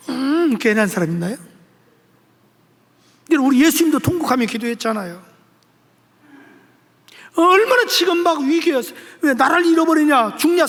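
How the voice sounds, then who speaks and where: Older high-voiced pastor preaching in a hall. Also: male voice, a bit bright. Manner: exhorting, rising to emphatic preaching. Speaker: senior pastor. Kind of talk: sermon. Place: church sanctuary. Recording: long church hall reverb.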